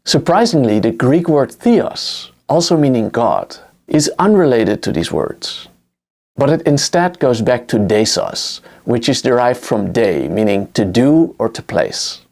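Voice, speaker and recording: Narrating a scripted history lesson, this native Dutch-speaking lecturer has a Dutch accent and a medium-pitched voice at a measured pace. He explains things with lively intonation.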